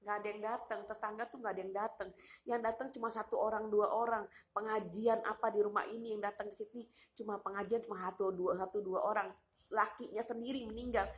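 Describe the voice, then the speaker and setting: A woman vlogger rants to her viewers about a cruel relative, repeating herself, firing off rhetorical questions and using casual street slang. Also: on the high side. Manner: aggrieved, repetitive venting straight to viewers. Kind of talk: eating vlog with a personal rant.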